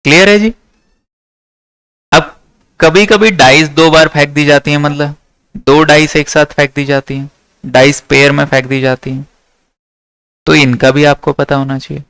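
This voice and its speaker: Young male maths tutor, smooth clear voice, a little high, dry close sound. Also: little pitch movement, moderate pace, a bit bright, no echo. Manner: checks in with the class often. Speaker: maths teacher. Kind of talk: classroom lecture.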